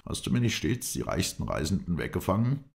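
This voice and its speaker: A man's voice: deep voice, big pitch swings, a little fast, creaky, a little mellow, pitched above the performer's own voice, full character voice. A man voicing a bitter, scheming male Bedouin guide who speaks in a resentful, accusing way in an audiobook reading.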